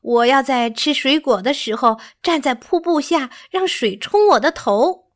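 A woman's voice: high-pitched, expressive, unhurried, voice pushed up. A woman doing an eager, curious little monkey. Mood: delighted. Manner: eager, questioning. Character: curious chatty young monkey, full of questions.

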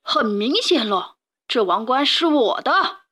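A woman voicing a cunning male lion in a storybook, slow and deliberate. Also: high-pitched, lively intonation, bright, forceful tone, exaggerated voice. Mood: smug. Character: cunning male lion, self-assured leader.

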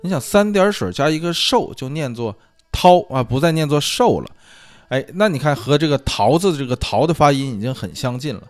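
A man's voice: on the high side, animated, fairly quick, no room sound, studio quality. A man hosting a casual solo talk show, musing aloud in a chatty way with many fillers. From China. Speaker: podcast host. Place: lives abroad.

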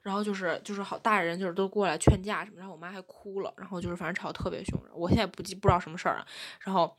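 A woman's voice: mid-range voice, steady tone, very fast. A woman co-hosting a casual chat, rambling through a childhood memory with many restarts. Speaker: podcast co-host. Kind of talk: casual storytelling.

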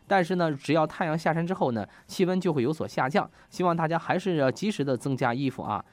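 A man's voice: fairly high pitch, animated, quick pace, dry recording. A man hosts a comic radio show, reading jokes and laughing at his own punchlines. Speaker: radio host.

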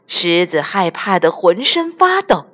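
A mother reading a picture book aloud to children, in an expressive storytelling manner. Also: on the low side, a little slow. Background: soft music.

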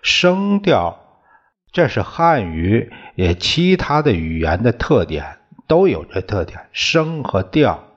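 A man teaching a class in a slow, deliberate way, often restating his terms. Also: medium pitch, sing-song. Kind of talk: lecture on classical poetry tones. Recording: dull lo-fi recording.

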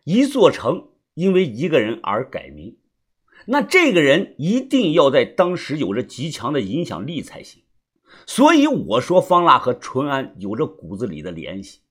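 Husky-voiced man narrating a novel. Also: mid-range voice, moderate pace. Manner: colloquial and wry, with lively rises. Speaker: audiobook narrator. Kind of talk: first-person novel narration.

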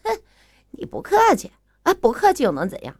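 A woman doing sneering street thugs, high and fast. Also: huge pitch swings, a little mellow, breathy edge, no echo, clean studio sound, full character voice. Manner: sneering, mocking. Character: two sneering young male thugs.

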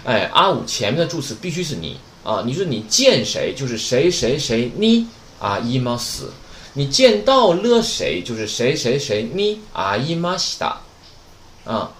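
A man's voice: medium pitch, big pitch swings, unhurried, a bit bright. A man teaching a Japanese vocabulary lesson, chatty and joking, often asking rhetorical questions. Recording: roomy echo, faint background noise.

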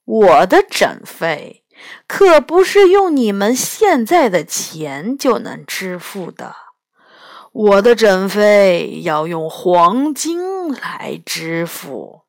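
A woman's voice: mid-range voice, sing-song, fairly bright tone, no room sound, studio quality, heavily acted. A woman voicing a proud, money-hungry old man who is a god of animal healing, in a children's storybook. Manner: slow, proud and drawn out.

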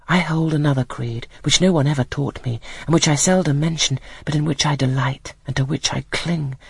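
A reader voicing a gentle, pious schoolgirl who speaks calmly and earnestly about her beliefs. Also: mid-range voice, creaky, breathy edge, no room sound. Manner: calm, earnest, softly solemn. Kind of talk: scripted audiobook reading.

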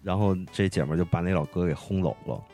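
A man's voice: deep voice, fast talker, mellow. A man, co-hosting a podcast in loose, slangy, joking banter. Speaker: podcast co-host. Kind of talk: casual chat.

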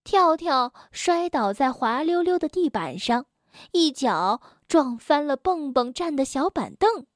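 A woman narrating a children's bedtime story in a slow, gentle and animated way. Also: high-pitched, no echo, studio quality.

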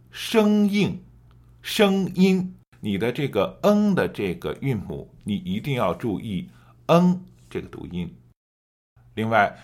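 This is a man with a low, husky voice whose pitch swings widely as he teaches. He coaches audiobook narration, explaining patiently between slow, stressed readings of example lines. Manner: explains patiently, then reads with drawn-out emphasis. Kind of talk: teaching with read-aloud demonstrations.

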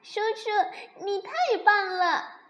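A woman voicing a crybaby baby spinosaurus in a storybook, with a high, sweet, childlike way of talking. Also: expressive, slow, full character voice, low-quality recording. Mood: delighted.

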